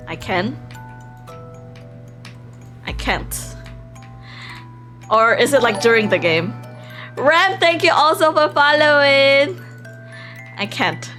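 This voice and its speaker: A high-voiced woman hosts a game livestream, reading text aloud and reacting expressively. Her manner is casual, excitable, and giggly.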